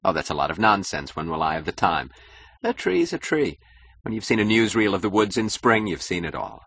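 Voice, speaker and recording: A man's voice: deep voice, big pitch swings, a little fast, a bit bright, a little hiss or hum, heavily acted. A man voicing an insecure, status-hungry young husband who talks eagerly and boastfully in an audiobook. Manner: eager, boastful, nervously defensive. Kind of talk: audiobook character voice.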